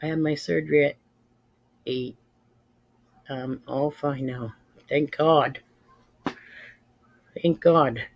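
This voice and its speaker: On a muffled recording, a fiftysomething livestream host chats casually with viewers in a low, steady voice, taking it slowly and pausing often. She is blunt and emphatic, repeating phrases for stress.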